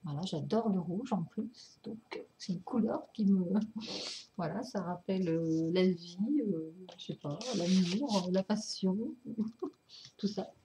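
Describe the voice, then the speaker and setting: Casting: woman, slow-paced, mellow voice, fumbling and apologetic home collector on camera, faint hiss. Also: fairly low pitch. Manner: hesitant, many fillers and apologies; excited, laughs often. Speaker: record collector showing vinyls. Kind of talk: casual unboxing vlog.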